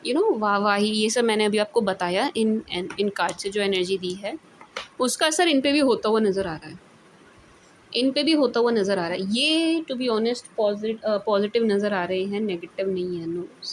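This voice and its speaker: A woman's voice: mid-range voice, slight background noise. A woman with an Indian accent giving a casual, chatty tarot reading, mixing English words into her talk and often checking in with her listeners. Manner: chatty, mixes English into Hindi, repeats "theek hai ji". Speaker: tarot reader.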